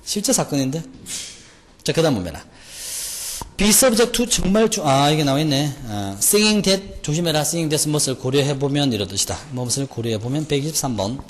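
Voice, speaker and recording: A man's voice: fairly high pitch, expressive, normal speed. A male teacher with a Gyeongsang accent giving a jokey classroom lecture, firing rhetorical questions at students. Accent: Gyeongsang Korean. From Gyeongsang region, Korea. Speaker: English vocabulary lecturer. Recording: lecture hall reverb, faint noise.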